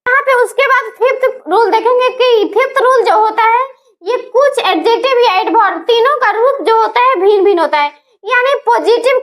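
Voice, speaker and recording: High-voiced woman teaching grammar. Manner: spells words letter by letter slowly. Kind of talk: grammar lesson.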